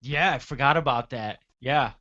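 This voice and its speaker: A man co-hosting a casual wrestling talk show, animated and rambling, often laughing. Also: medium pitch, moderate pace, lo-fi sound. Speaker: co-host.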